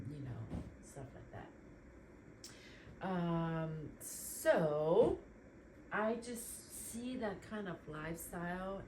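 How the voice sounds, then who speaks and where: Low-voiced woman from vietnam rambling on while cleaning out her closet, noisy home audio. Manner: rambling, chatty, full of ums and likes. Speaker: lifestyle vlogger. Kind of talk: casual chit-chat while decluttering.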